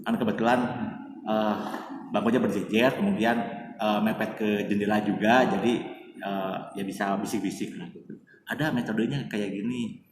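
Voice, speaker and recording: A man's voice: fairly low pitch, flat delivery, normal speed. Chatty man telling a story in an echoey room. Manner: chatty, calls himself by his own name, many fillers. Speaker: guest storyteller. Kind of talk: casual storytelling in a podcast interview. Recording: echoey distant room with faint noise.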